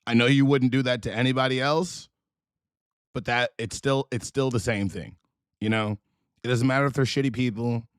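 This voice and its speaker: A man hosting a livestream in loose, animated reaction talk, swearing freely and laughing through his stories. His voice sits at an ordinary middle pitch. The sound is dry and close, with no room echo. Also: moderate pace, smooth. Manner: profane, animated, laughing storyteller. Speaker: livestream host. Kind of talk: casual reaction commentary.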